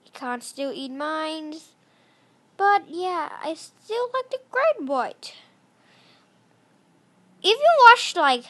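A woman giving casual gameplay commentary, chatty and apologetic, breaking into excited shouts. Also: high-pitched. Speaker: gaming channel host.

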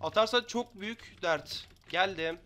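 A young man from Turkey giving excitable commentary on his own Minecraft match, taunting opponents in quick banter. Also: high-pitched, slight background noise. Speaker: gaming YouTuber. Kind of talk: live Minecraft gameplay commentary.

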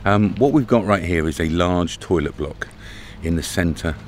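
A middle-aged British travel vlogger speaks unhurriedly to camera at a campsite, his voice sitting low as he chats casually. He holds the camera at arm's length, and its outdoor audio catches background noise.

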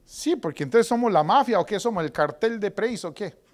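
Dramatic forties pastor, higher voice. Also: male voice, expressive, brisk. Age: 40s. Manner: dramatic, swinging from loud outbursts to hushed whispers. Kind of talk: sermon. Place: church.

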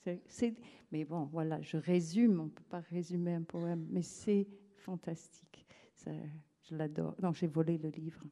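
Slow, dark-voiced woman musing onstage. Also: low voice, steady tone. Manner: hesitant, reflective, frequent fillers and restarts. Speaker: guest writer. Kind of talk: onstage literary conversation. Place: theatre stage before an audience. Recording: live event audio capture.

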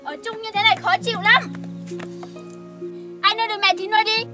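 Woman as a very high, bright-voiced young wife, fast and sharp-tongued. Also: flat delivery, loud music behind the voice. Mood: sharp arguing. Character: pushy young wife demanding to move out. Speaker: daughter-in-law.

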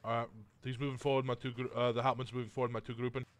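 A man leading a squad in an online war game, giving brisk commanding orders over voice chat. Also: mid-range voice, little pitch movement.

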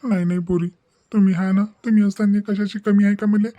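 A man's voice: sits high, flat delivery, brisk, warm tone, no echo, highs cut off, close to an everyday voice. Man doing a worried tender village father. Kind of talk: cartoon voice acting.

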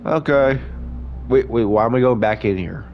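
With soft background music, a congested man speaking at normal speed in a medium-pitched, darkish voice reads a game's dialogue aloud as he plays casually. A gaming YouTuber, he voices the characters as himself and chats along the way.

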